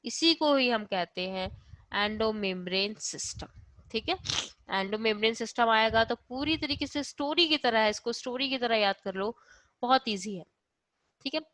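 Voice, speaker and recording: A woman's voice: on the high side, moderate pace, a bit bright, no room sound, rough recording. A woman teaching a biology class, asking and answering her own questions, checking in with "okay" after each point, and mixing English terms into her Hindi. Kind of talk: class lecture.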